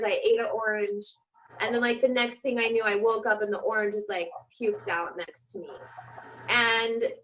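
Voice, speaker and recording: A woman in her forties chatting casually and telling animated stories, acting out the voices of people she quotes. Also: on the high side, low-quality recording. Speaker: guest host. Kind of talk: casual chat.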